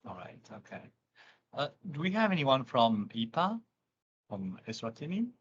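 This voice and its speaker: A man's voice: medium pitch, big pitch swings, moderate pace, a little hiss or hum. A man moderating a live webinar, passing questions on with brief, polite prompts. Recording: dull lo-fi video call audio.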